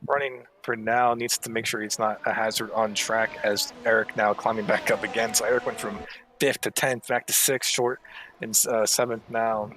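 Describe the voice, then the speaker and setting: A man's voice: fairly low pitch, little pitch movement, normal speed, low-quality recording. A man giving conversational live motorsport commentary as a co-commentator, a bit hesitant as he pieces the action together. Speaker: motorsport co-commentator in an online sim racing broadcast.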